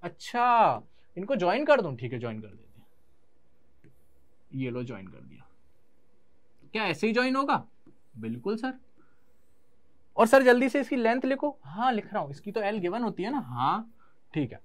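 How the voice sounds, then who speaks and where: A man's voice: high voice, wildly swooping pitch, moderate pace, long pauses. A young Indian man teaching physics in an online class. He mixes Hindi and English terms and answers his own questions in a student's voice.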